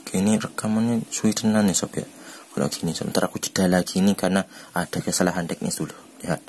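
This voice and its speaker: Man, very low voice, rambling casual vlog chatter, faint background hum. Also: steady tone, fast talker, a little mellow. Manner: rambling chatty, says "sob" constantly. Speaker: online shopping tutorial vlogger. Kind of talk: casual screen walkthrough.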